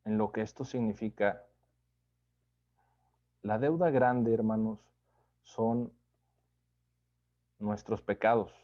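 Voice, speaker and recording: A man giving a conversational Bible study sermon, unhurried, often checking in with listeners through tag questions. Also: on the low side, fairly even intonation, dull audio.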